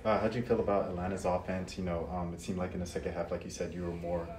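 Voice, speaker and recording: A man's voice: low voice, level tone, fast talker. A man asking long, rambling questions as a reporter at a press conference. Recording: distant, echoey room with crowd.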